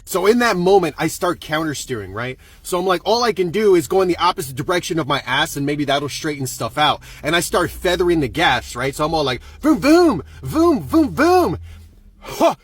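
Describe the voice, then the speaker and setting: A man telling a wild driving story as a vlogger, excitable and profane, acting out scenes with sound effects. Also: on the high side, husky, no echo. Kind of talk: animated storytelling.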